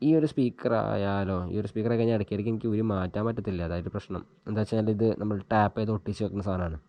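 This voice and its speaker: A vlogger with a fairly low, steady voice talks rapid-fire, chatting casually and thinking aloud as he demonstrates an installation in a hands-on tutorial. The audio is dry and lo-fi, captured by an action camera on his helmet.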